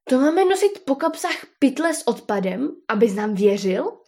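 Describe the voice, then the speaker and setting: A woman's voice: high voice, sing-song, mellow, slightly rough, pitched above the performer's own voice, heavily acted. A woman voicing an indignant female llama in a storybook reading, snapping and hissing in anger.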